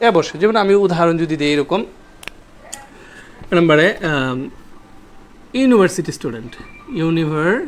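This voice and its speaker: A man with a high voice teaches a grammar lesson at a whiteboard. He goes over each rule several times and keeps asking his students what comes next. Faint room noise sits in the background. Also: animated, normal speed, long pauses. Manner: repeats key points and quizzes students with rhetorical questions.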